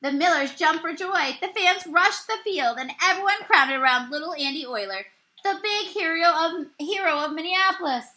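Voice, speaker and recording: Reading a picture book like an expressive teacher, a young woman tells the story with animation and exclaimed lines of dialogue. Her voice is very high-pitched and moderately paced, and the computer-mic recording from a small indoor room sounds rough.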